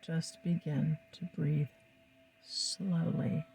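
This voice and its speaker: A hypnotist leading a calm guided induction, with soft, breathy, soothing speech and slow phrases broken by lingering pauses. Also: mid-range voice, soft background music, rough recording.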